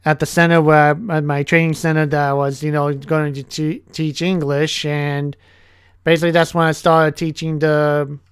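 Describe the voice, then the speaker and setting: A young man telling a casual vlog story about his year, halting often and restarting his sentences. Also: on the high side, little pitch movement, smooth, no echo, clean studio sound. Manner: halting, with many restarts and fillers. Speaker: vlogger, English teacher.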